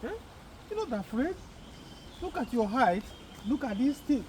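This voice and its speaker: A man, a father, chatting calmly in a family vlog outdoors, gently disagreeing. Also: extremely high pitch, slight background noise, rough recording. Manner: calm, measured, gently disagreeing. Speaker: father, co-host. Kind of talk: casual family vlog chat. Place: outdoors in the countryside.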